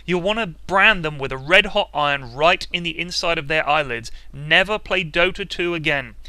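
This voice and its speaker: A man's voice: fairly high pitch, moderate pace, sharp tone, clean tone, no echo. A man delivering sarcastic, exaggerated comic commentary about playing an online game, closely miked. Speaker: video commentator.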